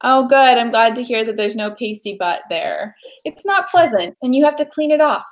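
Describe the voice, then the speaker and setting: A woman's voice: on the high side, expressive, moderate pace, rough recording. A woman in her twenties chatting casually on a home livestream over a webcam, bubbly and full of fillers. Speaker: livestream host. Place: living room at home, indoors. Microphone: webcam at desk distance.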